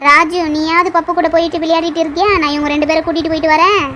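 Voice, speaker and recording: ஒரு பெண் கார்ட்டூனில் குழந்தைகளைச் சமாதானப்படுத்தும் அக்கறையான ஆண்டிக்குக் குரல் கொடுக்கிறார். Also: female voice, very high-pitched, level tone, racing, pushed and bright, slight background noise. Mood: coaxing. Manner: coaxing, fussing. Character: kind motherly neighbour aunt, coaxing children. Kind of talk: cartoon voice acting.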